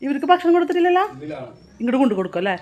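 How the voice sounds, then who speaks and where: In a casual vlog, a woman from Kerala with a Thrissur Malayalam accent banters with and cajoles residents of an old age home. Her high voice has a darkish tone, big pitch swings, and a rapid-fire delivery.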